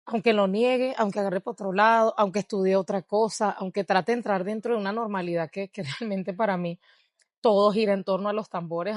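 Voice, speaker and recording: A Venezuelan dancer and researcher, speaking with a Venezuelan Spanish accent, answers interview questions reflectively and laughs often. Her voice is medium-pitched, and the studio recording is clean with no room sound.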